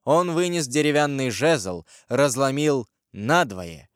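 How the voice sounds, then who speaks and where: A man narrates an audiobook in a measured, expressive voice of middle pitch. The sound is close and dry, with no room around it. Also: smooth, dry recording. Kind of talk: dramatic audiobook reading.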